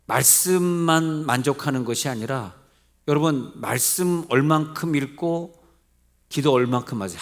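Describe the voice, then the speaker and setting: A middle-aged male pastor with a Seoul accent, preaching a midweek church sermon in a conversational way, asking his congregation questions and joking lightly. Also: mid-range voice. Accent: Seoul Korean. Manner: mixes polite and plain speech, jokes lightly. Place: church sanctuary.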